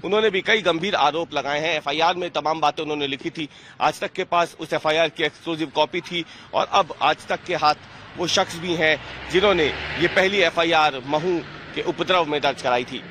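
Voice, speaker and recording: A man's voice: a little high, normal speed, pushed and bright. A man working as a television field reporter, asking witnesses pointed questions outdoors and signing off formally. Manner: probing questions, formal sign-off. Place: busy street outdoors. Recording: clear street noise behind.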